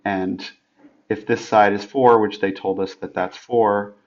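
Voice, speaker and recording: A man's voice: lowish voice, fairly even intonation, unhurried, highs cut off. A man teaching a geometry lesson over a whiteboard screencast, thinking aloud with many restarts and fillers. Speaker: math teacher. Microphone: tablet microphone.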